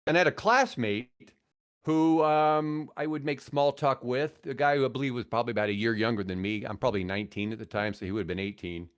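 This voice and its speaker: His voice is clear and resonant, mid-range in pitch and a little fast. In his sixties and formerly a radio broadcaster, he tells stories casually as a podcast guest, rambling and doubling back to rephrase.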